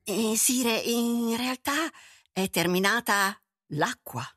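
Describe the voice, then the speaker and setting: A woman's voice: a little high, slow pace, a bit bright, no room sound, studio quality, soft background music, voice pushed up. A woman doing a mumbling, timid servant. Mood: apologetic. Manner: mumbling, hesitant, full of ehm. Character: timid, bumbling male servant. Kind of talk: storybook read-aloud.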